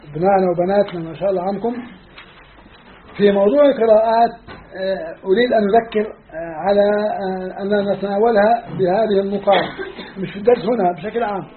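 Levantine male religious teacher, very high voice, emphatic classroom lecture, thin phone-like sound. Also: slight background noise. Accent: Levantine Arabic. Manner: emphatic, repeats and counts off points. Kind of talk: classroom lecture on scripture study. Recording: phone-like narrow band.

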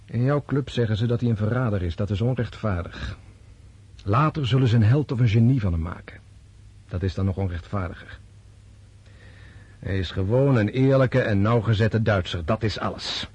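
In a Dutch radio drama, an actor voices a disillusioned but resolute Russian officer prince, speaking deliberately and with scorn in a bitter, lecturing mood. His voice is low and darkish with a breathy edge, and the recording is dry and muffled.

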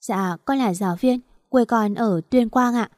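A woman voicing a meek young schoolteacher who speaks softly and deferentially. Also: a little high, measured pace, no room sound, clean studio sound, natural voice. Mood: polite. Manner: soft and deferential.

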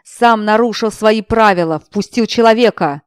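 A woman's voice: mid-range voice, normal speed, clear, resonant tone, dry recording, clean studio sound, lightly acted. A woman voicing a furious male golden dragon who snarls and barely forms words.

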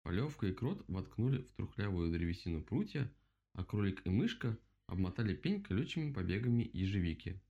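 A man reading a children's story aloud in an expressive, playful way. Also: deep voice, fairly quick. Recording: dull lo-fi recording.

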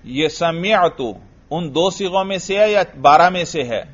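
Man, teacher, grammar lesson, drills a student with questions, muffled lo-fi recording. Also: high-pitched. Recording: dull lo-fi audio.

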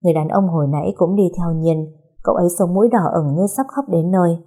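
Mellow low-voiced woman narrator. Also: breathy edge. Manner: steady, measured storytelling. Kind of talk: dramatic audio story narration.

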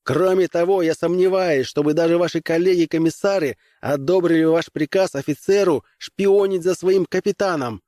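A man's voice: fairly high pitch, moderate pace, few pauses, warm tone, no room sound, studio quality, pitched above the performer's own voice, natural voice. A male audiobook reader voicing an indignant young starship lieutenant who argues and barks orders heatedly. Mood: defiant. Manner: heated, defiant, barking.

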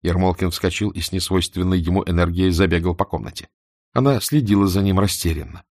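A man narrating a humorous novel in a wry, expressive storytelling manner on a close studio mic. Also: deep voice, fairly quick, dry recording. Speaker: audiobook narrator.

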